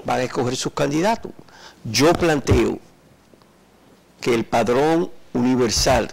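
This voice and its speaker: An older man, a political party delegate, explaining in a measured way during a TV studio interview, recorded on a lapel mic. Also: mid-range voice, vocal fry, breathy edge, poor audio. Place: TV studio set.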